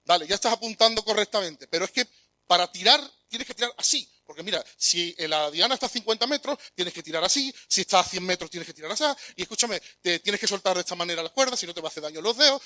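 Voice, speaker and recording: Bright-voiced preacher, high and dry. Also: male voice, lively intonation, fast, dry recording. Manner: earnest, rises to emphatic bursts when quoting. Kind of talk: sermon.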